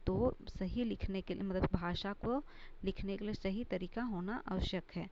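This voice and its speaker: A woman's voice: mid-range voice, normal speed. A woman teaching a Hindi grammar lesson, repeating each point and glossing terms with English words. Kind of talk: slow classroom grammar lesson. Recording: dull lo-fi recording with steady noise.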